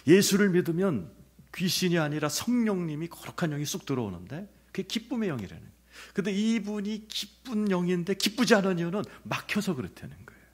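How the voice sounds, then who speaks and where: A middle-aged pastor delivers a sermon woven with his own testimony, his husky voice swinging widely up and down. He acts out scenes and voices the people in his story as he goes. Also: sits high, expressive, brisk.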